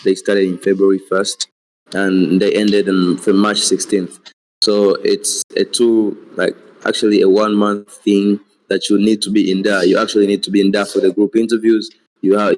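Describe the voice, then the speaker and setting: A young man with a Tanzanian accent, a student explaining the application stages, halting and repeating himself. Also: fairly low pitch, darkish tone, rough recording. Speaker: student sharing experience. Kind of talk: seminar talk.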